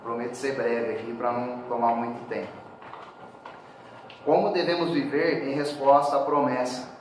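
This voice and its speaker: A man's voice: mid-range voice, steady tone, normal speed, a little mellow, a little hiss or hum. A man preaching a sermon in a church hall, talking conversationally and often adding tag questions. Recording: very echoey hall, speaker far from mic.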